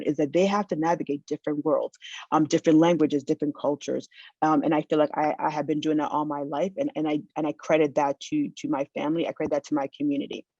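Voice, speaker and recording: A woman's voice: low voice, darkish tone, no room sound. A woman from the United States giving a conference keynote over a video call from home, earnest, with many fillers and restarts. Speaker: keynote speaker. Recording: dull, dry, lo-fi video call audio.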